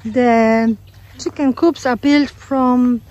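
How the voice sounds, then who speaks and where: This lo-fi phone clip has an Australian homesteader giving a casual walking tour of her rural garden and poultry. Her voice is a little high and darkish, steady in tone and slow, sprinkled with fillers and a colourful turn of phrase.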